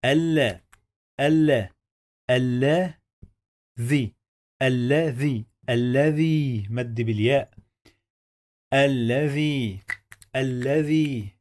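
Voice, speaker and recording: An Egyptian man with a mid-range voice gives a dictation lesson. He dictates extremely slowly and deliberately, sounding out syllables and repeating each word as a literacy teacher. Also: medium pitch, a little mellow.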